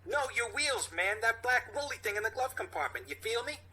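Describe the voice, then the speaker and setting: Man putting on a high-pitched new york street kid, defensive, talks fast, real bright. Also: very animated, slight background noise, exaggerated voice. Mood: pleading. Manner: fast pleading street talk. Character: streetwise teenage boy, jumpy and defensive.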